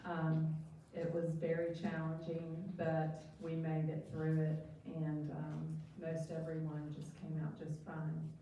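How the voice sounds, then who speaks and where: A woman's voice: low voice, monotone, slow pace, hardly any pauses, mellow. A middle-aged woman from West Virginia with an Appalachian accent gives an informal, folksy and self-deprecating introduction of herself. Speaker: nursing home administrator introducing herself. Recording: very echoey hall, distant mic, faint noise.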